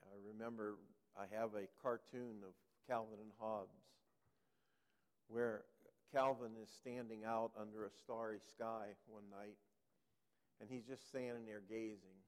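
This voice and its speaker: Brief: male guest preacher, earnest and measured, slow delivery with thoughtful pauses, long church reverb. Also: lowish voice, fairly even intonation, smooth. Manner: earnest, unhurried, pausing often with ums. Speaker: guest speaker and author. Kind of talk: sermon. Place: church sanctuary.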